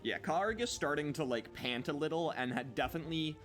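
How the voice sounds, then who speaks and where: A man's voice: on the high side, animated, brisk, a bit bright, soft background music. A man playing a character in a tabletop game, talking casually and hesitantly with fillers and restarts. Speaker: player.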